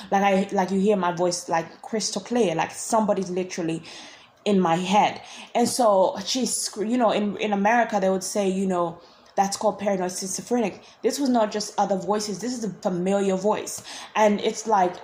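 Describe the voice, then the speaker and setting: A woman's voice: medium pitch, a little mellow, slight background noise. A woman telling a personal story in a casual vlog, rambling with constant "like" and frequent restarts. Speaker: vlogger.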